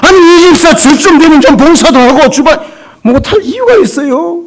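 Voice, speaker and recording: A middle-aged man preaching a revival sermon as a pastor in a church, emotional and conversational, sometimes dropping to a hush. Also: very high-pitched, animated, normal speed, a little hiss or hum. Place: church sanctuary.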